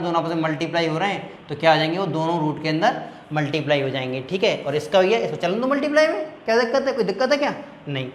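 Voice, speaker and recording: Man, maths tutor, fairly high voice, talks students through each step with frequent check-ins, echoey room. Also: a little hiss or hum. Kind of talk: classroom maths lesson.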